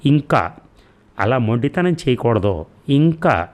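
A man's voice: mid-range voice, sing-song, slow pace, a little mellow. A man voicing a childlike young woman who talks in a whiny, demanding way in a storybook.

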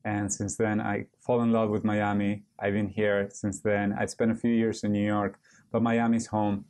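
Low, flat-voiced man from Argentina. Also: normal speed. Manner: earnest, with many restarts and short yeses. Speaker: yoga teacher, interview guest. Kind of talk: studio interview. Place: TV studio set.

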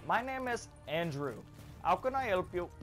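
A polite, singsong call-centre tech support worker, as a man puts him on speaks with a put-on Indian English accent. The voice sits noticeably higher than his normal talk and bounces along the scripted phrases. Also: very animated, moderate pace, fairly bright tone, soft background music. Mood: polite, chirpy.

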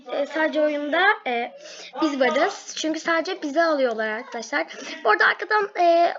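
Young girl gaming vlogger, very high voice, giggly and excited, slightly hoarse, lo-fi home recording. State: losing her voice. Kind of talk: excited gameplay chat.

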